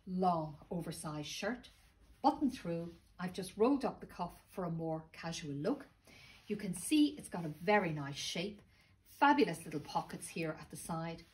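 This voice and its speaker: A middle-aged woman with a slightly thick, sore-throat voice, giving a casual sales presentation to camera. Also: fairly low pitch. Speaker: boutique presenter. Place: small clothing boutique, indoors. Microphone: phone camera a few metres away. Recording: steady background shop noise, phone video.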